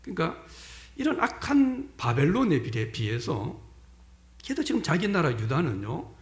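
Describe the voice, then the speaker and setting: A man's voice: fairly high pitch, wildly swooping pitch, normal speed. A male pastor preaching a sermon in a church, often asking the congregation rhetorical questions. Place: church sanctuary. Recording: echoey church hall.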